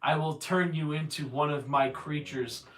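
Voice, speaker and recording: A man voicing a shouting cult villain. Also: a little high, fairly even intonation, moderate pace, pitched below the performer's own voice, lightly acted. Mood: sneering. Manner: threatening, shouted boasts. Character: menacing male cult leader villain.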